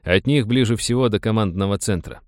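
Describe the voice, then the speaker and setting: A calm, methodical pilot who lays things out step by step, read by a man. The voice is low-pitched and dry. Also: brisk, dry recording, natural voice. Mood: explaining.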